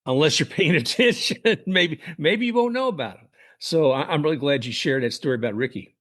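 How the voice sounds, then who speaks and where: A man's voice: on the high side, lively intonation, brisk, a bit bright. A man hosting an interview, affirming his guest and often laughing along. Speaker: host. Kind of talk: casual interview chat.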